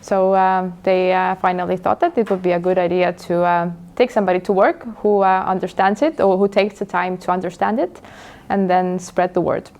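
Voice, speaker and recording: A woman's voice: lowish voice, steady tone, moderate pace, few pauses, darkish tone. A woman from Estonia, a native Estonian speaker, introducing herself as a guest speaker in a hesitant way with many fillers. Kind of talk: casual lecture introduction.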